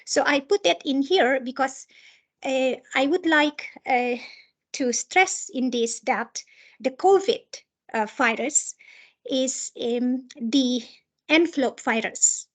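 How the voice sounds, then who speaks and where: A woman with an Indonesian accent giving a training lecture over slides, speaking haltingly as she searches for words. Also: sits high.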